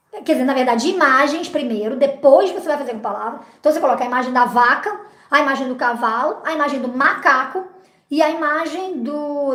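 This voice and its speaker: A middle-aged woman, a literacy teacher, explains classroom phonics games in a patient, didactic way, often pausing with little checking words. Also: sits high, a bit bright, echoey room. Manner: didactic, frequent "né?" and "então" fillers.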